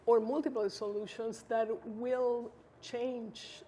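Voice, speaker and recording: Measured Chilean-born woman, slightly high voice. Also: level tone, mellow. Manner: thoughtful, measured, with frequent fillers and restarts. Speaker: interview guest, social entrepreneur. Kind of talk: conversational interview answers. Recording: faint background noise.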